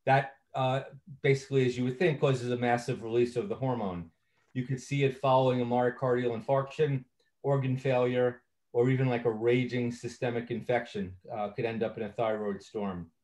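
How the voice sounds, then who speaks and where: A man's voice: mid-range voice, steady tone, normal speed, darkish tone. A man presenting a recorded medical training lecture in a conversational way, with many fillers and self-corrections.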